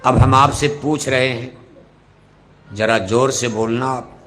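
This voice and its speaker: A man preaching a devotional sermon into a microphone, firing off rhetorical questions and leading the crowd in shouted call-and-response. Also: medium pitch, steady tone, slow. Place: open gathering before a large audience.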